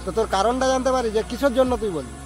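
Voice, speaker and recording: A man's voice: extremely high pitch, racing, faint music behind. A man hosting casually, putting insistent questions to his friends. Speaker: host making prank calls to friends. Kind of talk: casual chat.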